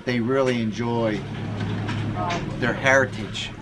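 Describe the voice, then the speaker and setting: A man's voice: medium pitch, steady tone, slow. Man, Pittsburgh accent, folksy repetitive interview chat, mid-range voice, noticeable traffic-like noise. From Pittsburgh, United States. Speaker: shop owner being interviewed. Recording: noisy location with vehicle ambience.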